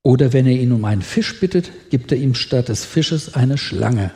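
A man's voice: mid-range voice, lively intonation, moderate pace, mellow. A middle-aged man preaching a sermon, reading scripture with rising feeling and asking the congregation questions. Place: church hall with long reverb. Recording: long hall reverb.

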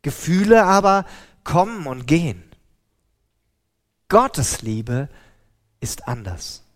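A man preaching a sermon, slow and deliberate with emphatic pauses. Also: a little high, big pitch swings.

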